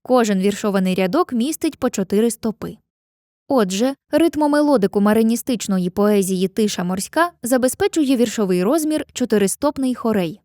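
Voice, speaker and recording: A woman narrating a scripted literature lesson in a clear, measured way, reading lines of poetry slowly. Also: a little high, expressive, dark tone, no echo, studio quality.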